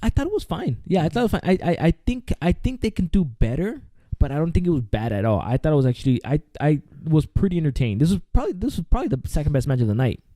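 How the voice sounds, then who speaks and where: A young man co-hosting a wrestling podcast talks in a chatty, eager way, often restarting his sentences. His voice is very dark and mellow. It is recorded dry and close on a desk microphone. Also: on the high side, very animated, fast talker, no echo. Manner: chatty, enthusiastic, repeats words while thinking. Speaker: podcast co-host. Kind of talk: casual wrestling podcast chat.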